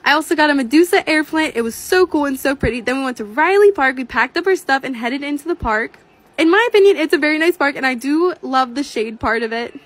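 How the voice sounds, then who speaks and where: A woman's voice: sits high, animated, fast, dry recording. An eighteen-year-old woman narrating a vlog voice-over in a gushing, upbeat storytelling way. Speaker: vlogger.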